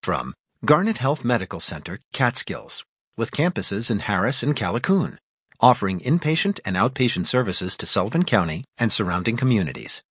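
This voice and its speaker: A man's voice: fairly low pitch, sing-song, moderate pace, fairly bright tone, breathy edge, no room sound, clean studio sound. A man with an American accent reading scripted sponsor announcements as a station announcer.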